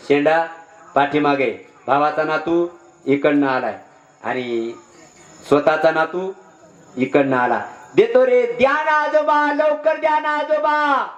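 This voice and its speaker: Guy preaching and telling a story, kinda high voice, echoey hall, acts out the characters. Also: muffled recording. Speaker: kirtan preacher. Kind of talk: devotional sermon with storytelling. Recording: echoey venue.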